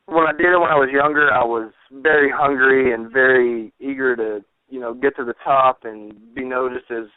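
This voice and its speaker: Over a narrow, phone-like line with no room sound, a man in his late twenties gives a casual interview as a fighter and coach. His pitch is average for a man. He speaks earnestly in halting runs, restarting and repeating phrases. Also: steady tone, clean tone, no room sound. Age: 20s. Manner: earnest, halting, repeats words and leans on "you know". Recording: thin, phone-like radio or phone line.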